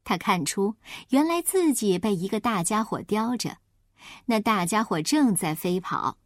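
A woman narrating a children's storybook aloud with lively, expressive storytelling. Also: mid-range voice, measured pace, no room sound, studio quality. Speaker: storybook reader.

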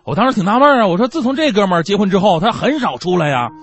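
A man's voice: high voice, very fast, slightly rough, soft background music. A man hosting a stand-up comedy show, telling stories with playful self-mockery and acting out the people in them. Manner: animated storytelling with acted-out quotes.

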